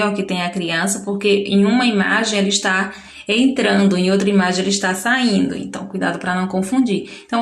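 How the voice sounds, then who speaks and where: A woman's voice: medium pitch, reverberant. A woman teacher with a Brazilian Portuguese accent, patiently explaining a schoolbook lesson step by step and sounding out syllables. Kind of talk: recorded lesson walkthrough.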